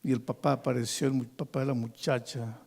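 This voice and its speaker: A pastor telling a story in a sermon, swinging dramatically between hushed and forceful delivery in church. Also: male voice, mid-range voice, level tone, a little fast, vocal fry.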